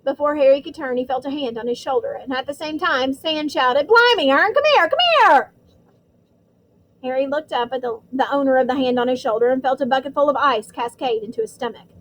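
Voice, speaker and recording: Woman reading an audiobook, high voice, steady storytelling, faint hiss. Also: fast talker, hardly any pauses, rough recording. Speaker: audiobook reader. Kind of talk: audiobook narration.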